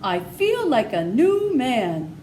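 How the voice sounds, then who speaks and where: Storybook scarecrow played by a woman: male figure, earnest and courteous, high lilting delivery, faint hiss of noise behind. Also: sing-song, slow pace, warm tone. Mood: cheerful, curious. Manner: courteous, exclaiming, confiding. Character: friendly brainless stuffed scarecrow, male, politely earnest.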